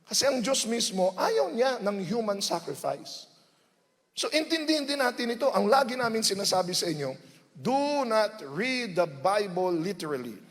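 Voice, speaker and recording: A man with a Filipino accent preaching a sermon in Tagalog and English, animated and teasing, often asking the crowd questions. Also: high-pitched, normal speed. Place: large hall. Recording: long hall reverb.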